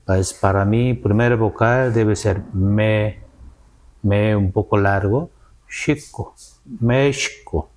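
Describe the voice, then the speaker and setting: This South Korean scholar answers interview questions in halting, careful Spanish, a non-native speaker with a Korean accent who often tacks on "¿no?". His voice is lowish and darkish in tone, with little movement in pitch.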